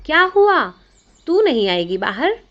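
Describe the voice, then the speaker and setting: A woman voicing chatty, impatient village girls who gossip in a lively way, in a narrated devotional story. The recording sounds slightly dull. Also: on the high side, a little slow.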